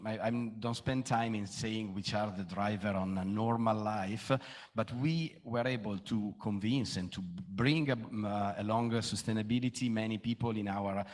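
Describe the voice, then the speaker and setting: A man speaking as a company manager on a conference panel, answering off the cuff in hesitant non-native English with many pauses. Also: lowish voice.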